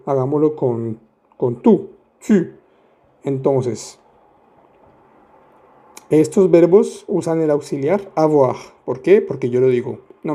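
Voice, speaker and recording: A man's voice: on the high side, warm tone. A man teaching French grammar step by step, patient and playful, often asking the listener questions as he goes. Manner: patient, asks rhetorical questions, playful asides.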